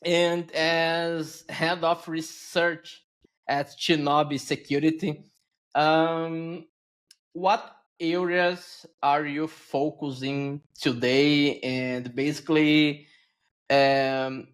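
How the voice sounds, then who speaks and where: A Brazilian man hosting an interview in English, speaking slowly with many pauses, fillers and restarts. His voice sits a little higher than most men's. Portuguese is his first language. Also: fairly even intonation. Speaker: podcast host. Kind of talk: casual interview.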